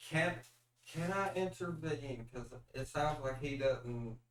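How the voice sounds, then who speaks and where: A man's voice: on the high side, takes it slowly, slight background noise. A man playing a tabletop game who suggests ideas and often stops and restarts his sentences. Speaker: player. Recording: echoey room, away from the mic.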